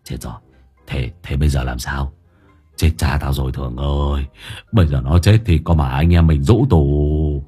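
A hot-headed old brawler with a deep, growling snarl, put on by a male storyteller. His voice drops well below the narration and comes out husky. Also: fairly even intonation, moderate pace, warm tone, soft background music. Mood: dismayed.

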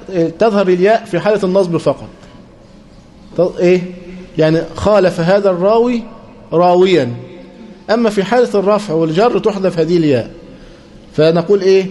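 A man with an Egyptian Arabic accent teaching a class, repeating points and pausing so students can finish his sentences. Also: high-pitched, a little mellow. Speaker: teacher of hadith terminology. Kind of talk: classroom lecture with call-and-response questions.

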